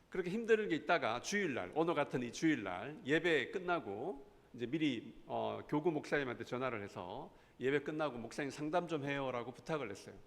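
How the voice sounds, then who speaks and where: Man lecturing in a reverberant hall. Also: medium pitch. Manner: animated, acts out quoted arguments with rising voice; asks the audience questions. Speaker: professor teaching a lay Bible school. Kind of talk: lecture with storytelling.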